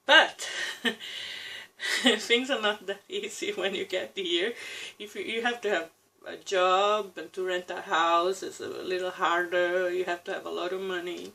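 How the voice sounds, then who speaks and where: This is a personal vlog in which a thirty-something Brazilian woman, with a Brazilian Portuguese accent, talks casually and thoughtfully to camera. Her voice sits on the low side, gravelly and fairly even in intonation, broken by pauses, restarts and soft laughs.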